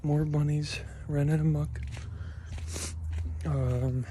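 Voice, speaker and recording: A young man with a Minnesotan accent talks slowly through a rambling outdoor vlog, his voice mellow and darkish. He swears freely and fills his sentences with "uh" and "um". Faint outdoor noise sits behind him. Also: a little high, little pitch movement. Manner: rambling, swears a lot, filler-heavy, self-deprecating. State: tired. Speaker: vlogger. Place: outdoors in a cold park.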